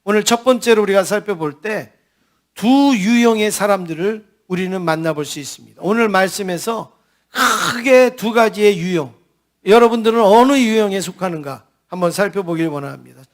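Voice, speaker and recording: A man's voice: high-pitched, animated, normal speed. A man preaching a sermon as a pastor, asking the congregation questions as he goes. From South Korea.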